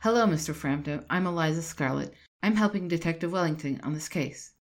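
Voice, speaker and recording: A woman's voice: low voice, a little fast. A woman voicing a curious, playful young woman amateur detective in a read-aloud story. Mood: eager.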